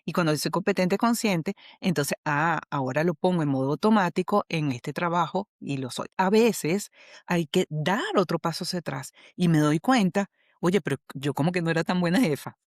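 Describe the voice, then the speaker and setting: A coach and HR specialist with a Venezuelan Spanish accent guests on a podcast, explaining a model step by step like a patient teacher and often confirming the listener understands. Her pitch is fairly low and her speed normal, captured in studio quality with no echo.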